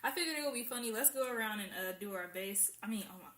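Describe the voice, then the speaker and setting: An upbeat woman hosts a podcast and steers the casual chat. Her voice is bright and fairly high. The room around her echoes. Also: lively intonation, quick pace. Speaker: podcast host.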